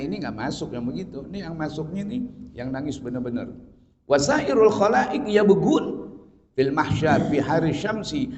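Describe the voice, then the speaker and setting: A man preaching a casual sermon lesson, moving between chanted Arabic and joking everyday slang, from loud to soft. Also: fairly high pitch, a little hiss or hum. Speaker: Islamic preacher teaching tafsir. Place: large prayer hall. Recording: dull lo-fi audio in a long-echo hall.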